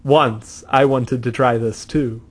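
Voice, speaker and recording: A man reading as a gruff gray-haired elder. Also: medium pitch, fairly even intonation, slow. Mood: approving.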